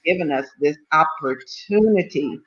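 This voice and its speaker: A woman's voice: sits low, expressive, unhurried, lo-fi sound. A woman in her seventies, a talk-show guest, chatting in a rambling way full of repeated phrases. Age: 70s. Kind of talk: casual talk-show interview.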